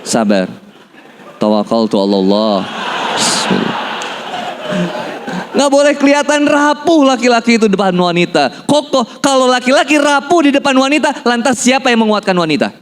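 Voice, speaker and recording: A male preacher delivers a sermon as a lively personal story. His voice sits high for a man. He shifts his tone freely as he tells it. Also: a little fast, few pauses. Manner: animated, acts out quoted voices.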